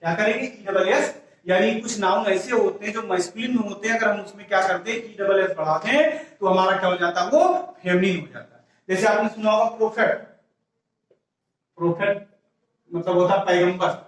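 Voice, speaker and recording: A man teaches an English grammar lesson, working through it step by step, repeating key words and asking the class rhetorical questions. His voice sits high. He is recorded from a distance in a very echoey room. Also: a little fast.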